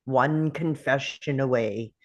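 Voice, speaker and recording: A performer playing a brooding, clever time-travelling alien man in a dramatic table read, speaking in a theatrical, deliberate way as if pondering aloud. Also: medium pitch, slight background noise, lightly acted. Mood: pondering, intent.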